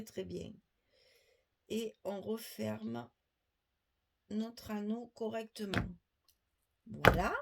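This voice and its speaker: A woman's voice: medium pitch, gravelly, slight background noise. A middle-aged woman giving a step-by-step craft demonstration at her worktable, chatting to viewers as she works. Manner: chatty, explains while working, asides to viewers. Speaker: crafting tutorial host.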